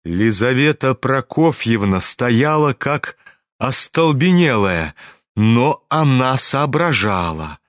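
A man narrates a classic novel slowly and expressively. His fairly high voice rises and falls with animated intonation. The recording is dry and close. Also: no echo. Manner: measured, expressive storytelling. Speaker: audiobook narrator. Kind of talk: literary audiobook narration.

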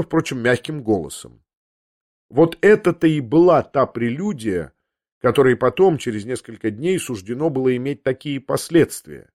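A man narrating a classic novel as an audiobook, expressive and acting out the dialogue. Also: mid-range voice, no room sound, clean studio sound.

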